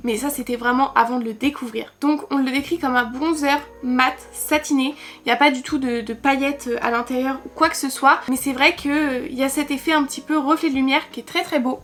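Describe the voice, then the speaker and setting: A woman's voice: sits high, fairly even intonation, fairly quick, hardly any pauses, a bit bright. A young woman from France reviewing makeup in a chatty, enthusiastic vlog, talking straight to her viewers. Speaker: beauty vlogger.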